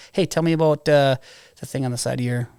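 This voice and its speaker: A man hosting a podcast interview in a relaxed, joking way, with quick reactions. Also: medium pitch, clean tone, no room sound. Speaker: podcast host.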